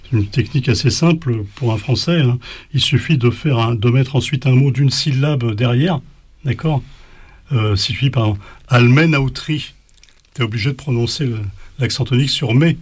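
A man's voice: mid-range voice, fairly quick, slightly rough. A man teaching an informal spoken language lesson, hesitant, with many fillers and restarts.

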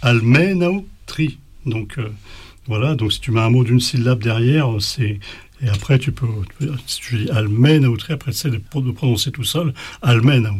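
A man's voice: medium pitch, moderate pace, darkish tone, breathy edge. A man teaching an informal spoken language lesson, hesitant, with many fillers and restarts.

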